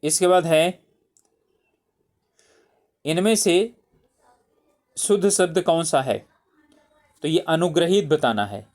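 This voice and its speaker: A man's voice: fairly high pitch, takes it slowly, pauses often, darkish tone. A man teaching spelling for an exam, patiently repeating each word and checking in with his listeners. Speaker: Hindi exam tutor. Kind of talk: explaining exam spelling questions.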